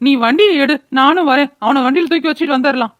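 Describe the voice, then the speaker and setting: A woman's voice: sits high, fast talker, no room sound, lightly acted. A woman voicing a weary, scolding older mother-in-law in a cartoon, worn down by her drunkard son. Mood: anxious. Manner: scolding, world-weary, anxious. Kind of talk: cartoon voice acting.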